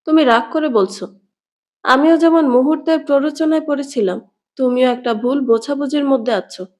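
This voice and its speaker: A desperate young lover who pleads and reproaches by turns, as a woman reads his part. He sounds high for a man, and the delivery is a storybook reading rather than full acting. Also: normal speed, darkish tone, lightly acted. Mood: pleading.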